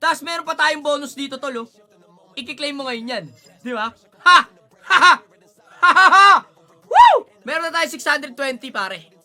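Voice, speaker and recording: A man giving casual gaming commentary, excitable, pleading and shouting at the game as he plays. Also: extremely high pitch, moderate pace. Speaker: gaming streamer.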